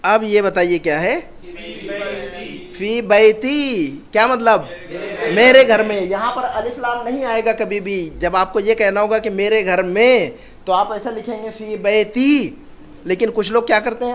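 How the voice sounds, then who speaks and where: A man teaching an Arabic grammar lesson, patiently repeating each phrase slowly and asking his students questions. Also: sits high, fairly bright tone.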